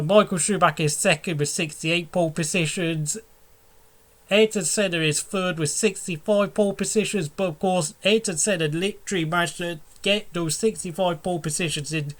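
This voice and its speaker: A speaker reciting motor racing statistics from memory by rote, going down a list and pausing to recall as a fan presenter would. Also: mid-range voice.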